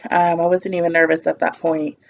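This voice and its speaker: A woman's voice: lowish voice, little pitch movement, brisk, creaky, muffled recording. A woman vlogger telling a storytime in a casual, blunt and sarcastic way, swearing freely.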